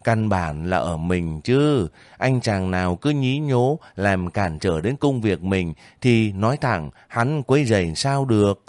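A man voicing a calm, steady young woman soldier who speaks in a level, reassuring way, in an audiobook reading. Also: on the low side, slow, hardly any pauses, no room sound, clean studio sound. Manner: level, reassuring, matter-of-fact.

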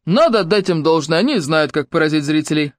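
A woman reading an audiobook, voicing an admiring man at a film gala with slow, drawn-out remarks. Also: low voice, animated, no room sound, clean studio sound. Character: impressed male film-world spectator. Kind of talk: audiobook character voice.

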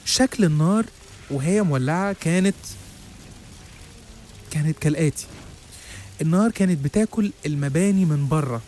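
A man with an Egyptian accent narrating a first-person horror story in a rapid, suspenseful way. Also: fairly high pitch, warm tone, soft background music. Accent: Egyptian Arabic. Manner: rapid, suspenseful, with small restarts.

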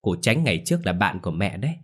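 A man's voice: sits low, big pitch swings, quick pace, fairly bright tone, slightly rough, heavily acted. A man voicing a timid middle-aged daughter-in-law who stammers and pleads. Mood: pleading.

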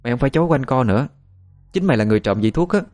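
A man's voice: mid-range voice, expressive, rapid-fire, darkish tone, soft background music, pitched above the performer's own voice, lightly acted. A man voicing a wronged young female servant who talks in an earnest, pleading, sometimes firm way. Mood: firm accusing.

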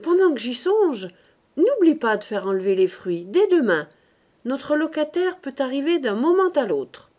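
A woman's voice: sits high, sing-song, normal speed, pitched above the performer's own voice. A woman doing a peevish middle-aged husband. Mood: explaining. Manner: brusque, loud, peevish.

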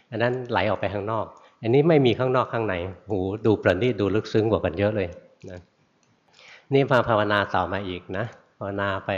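Man, Buddhist monk, sermon storytelling, low voice, dull lo-fi recording. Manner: relaxed storytelling with frequent "na" tags. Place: sermon hall.

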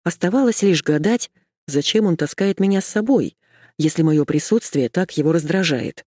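A woman narrating a first-person audiobook in a measured, even manner. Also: lowish voice, no echo, clean studio sound.

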